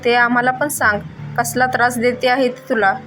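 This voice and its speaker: A woman's voice: fairly high pitch, moderate pace, soft background music, lightly acted. A woman voicing a stern aging father-in-law who scolds his son-in-law in a spoken story. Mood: scolding. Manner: plain, steady reading.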